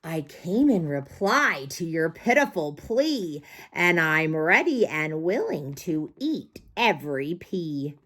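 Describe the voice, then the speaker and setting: A woman voicing a male green vegetable monster who growls his words slowly and deliberately in a storybook reading. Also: low voice, very animated, fairly bright tone, exaggerated voice. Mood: growling.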